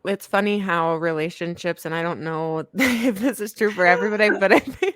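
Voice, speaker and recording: A woman co-hosting a podcast in casual chat, playful and quick to laugh. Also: fairly low pitch, a bit bright. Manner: giggly, chatty, playful. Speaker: podcast co-host.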